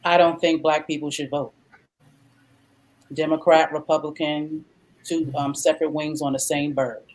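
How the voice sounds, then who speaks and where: A woman's voice: low voice, flat delivery, moderate pace, darkish tone, slight background noise, poor audio. A woman in her thirties, a guest in a podcast discussion, talking bluntly and emphatically. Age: 30s.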